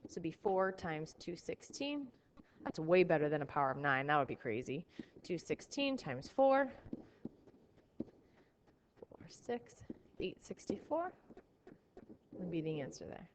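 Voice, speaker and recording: A woman's voice: sits low, very animated, unhurried, long pauses, a little hiss or hum. A woman teacher explaining math problems to her class, talking through each step aloud in a recorded lesson.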